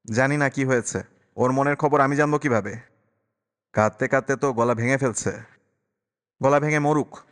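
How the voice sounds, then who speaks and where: A bitter, short-tempered mother, voiced by a male reader, firing off quick, cutting retorts. The voice is raised and pushed louder than his normal reading, and it echoes with long reverb. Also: on the high side, clear, resonant tone, voice pushed up, lightly acted. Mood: bitter angry. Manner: sharp, cutting, fast retorts. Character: harsh, bitter young mother, quick to anger.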